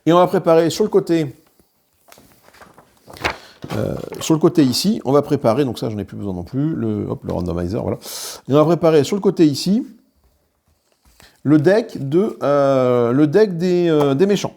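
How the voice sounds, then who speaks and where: Very animated and a little high-pitched, this board game channel host has a mellow voice with vocal fry, speaking at normal speed with long pauses. He explains card rules while handling components during a solo playthrough, with frequent fillers and restarts.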